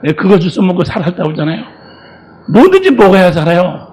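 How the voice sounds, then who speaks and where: Older man, pastor, sermon, high voice, exhorting, rhetorical questions. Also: sing-song, fast talker. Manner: exhorting, swings from shouting to quiet asides; keeps prodding the listeners with rhetorical questions.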